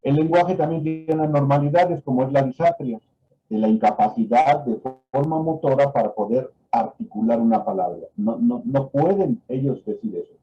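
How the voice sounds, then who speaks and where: A man's voice: medium pitch, moderate pace, dull audio, faint music behind. Man lecturing medicine. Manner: explanatory, with frequent fillers and "¿no?" tags. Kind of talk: lecture on a neurological exam. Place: online class.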